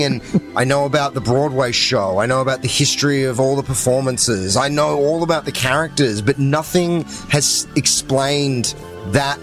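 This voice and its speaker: A man co-hosting a podcast, chatting casually with lots of laughter, swearing and mocking asides. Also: medium pitch. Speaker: podcast co-host. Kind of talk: casual chat.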